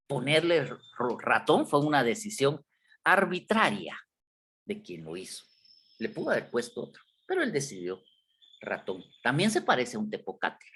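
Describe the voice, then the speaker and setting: This university lecturer from Guatemala teaches a class in a mid-range, somewhat bright, husky voice. He explains ideas through examples and keeps checking in with his students using repeated tag questions.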